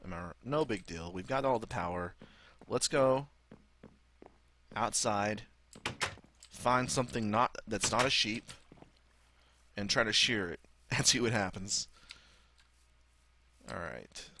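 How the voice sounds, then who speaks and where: Man, Southern US drawl, slightly low and forceful voice, casual sweary game host thinking out loud. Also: slow pace, pauses often. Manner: rambling, sweary, thinking aloud. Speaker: gaming video host. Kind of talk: casual gameplay commentary.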